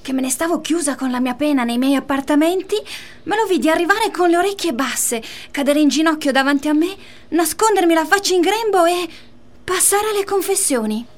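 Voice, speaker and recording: A woman's voice: high voice, expressive, fairly quick. A woman reading the part of a jealous, wounded wife in a radio play, earnest and aggrieved.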